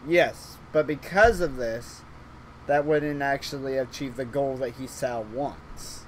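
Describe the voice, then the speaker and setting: A man's voice: mid-range voice, slow pace, a little hiss or hum. A man streaming a visual novel, chatting casually in a rambling way with frequent restarts and laughter. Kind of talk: casual let's-play chat.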